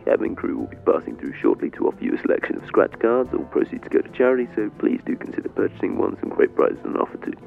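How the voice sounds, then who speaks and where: A man doing a gravelly, bitter airline captain. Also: fairly low pitch, quick pace, hardly any pauses, narrow, tinny audio, soft background music, full character voice. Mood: deadpan. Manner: calm, matter-of-fact, polite announcer's phrasing. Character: heartbroken bitter male airline captain, calmly morbid. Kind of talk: comic in-flight announcement.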